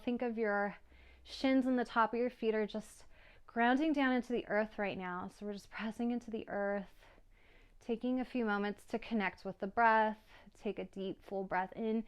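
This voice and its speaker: A woman yoga instructor calmly guiding a class through breathing and poses, with soft laughs between cues. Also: medium pitch, smooth.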